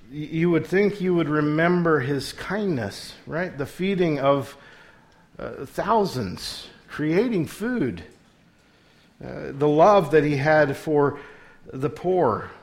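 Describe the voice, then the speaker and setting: A middle-aged man preaching an expository sermon as a pastor. He asks his listeners rhetorical questions and often restarts his words. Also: mid-range voice.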